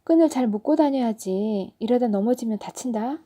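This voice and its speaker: A woman voicing a kind middle-aged shopkeeper in a storybook reading, speaking gently and softly. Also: on the high side, expressive, normal speed. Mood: gentle.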